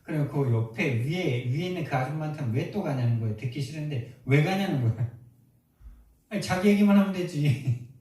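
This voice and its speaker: A man's voice: fairly high pitch, animated, a little fast, dark tone. A male pastor preaching a sermon, emphatic and full of rhetorical questions to the congregation, in a church sanctuary. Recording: echoey hall from far off.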